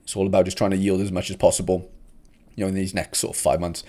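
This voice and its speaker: A man's voice: sits low, level tone, fast, mellow. A young man from South Wales with a South Welsh accent, hosting a casual livestream and chatting with viewers in a laid-back way. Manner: chatty, laid-back, uses "mate" often. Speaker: host.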